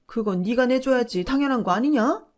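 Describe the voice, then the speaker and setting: A woman voicing a domineering older mother-in-law who talks in a loud, scornful, bossy way. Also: on the high side, animated, brisk, pitched above the performer's own voice, close to an everyday voice. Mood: dismissive.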